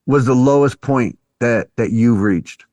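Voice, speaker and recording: A man's voice: medium pitch, unhurried, mellow, no room sound. A man hosting a music podcast, asking his guest about band life in an easygoing way and laughing along. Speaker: podcast host, interviewer. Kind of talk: interview questions.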